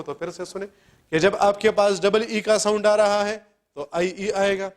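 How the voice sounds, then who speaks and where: A man with a notably high voice gives a classroom grammar lesson. He keeps asking questions and answering them himself. He spells words out letter by letter as he walks through each rule. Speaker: English teacher.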